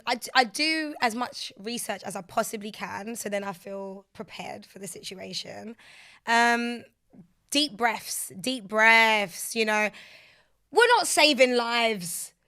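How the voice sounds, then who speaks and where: On a casual podcast, a young radio and TV presenter from London chats openly as the guest, laughing readily. Her voice, raspy today after lots of going out, is fairly high and sharp in tone, delivered at a measured pace.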